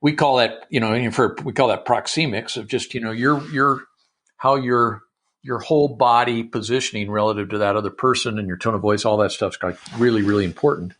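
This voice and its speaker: A man hosting a casual podcast interview, animated, often restarting sentences and affirming with "yep" and "right". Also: mid-range voice, fairly quick.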